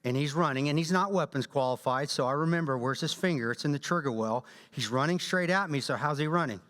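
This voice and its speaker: A man giving a talk at a church, telling a combat story in an animated way and acting out quotes. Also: on the high side, fast. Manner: animated storyteller, acts out quotes, laughs often. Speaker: guest speaker. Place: church hall. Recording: long hall reverb.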